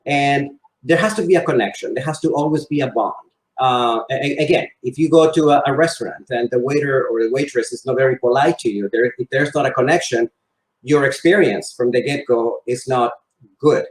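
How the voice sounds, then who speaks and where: A real estate salesman from Venezuela and Spain, whose first language is Spanish, answers interview questions conversationally as a guest. His mid-range voice moves fairly quickly. The recording has a roomy, echoing sound, as he is in a spacious room.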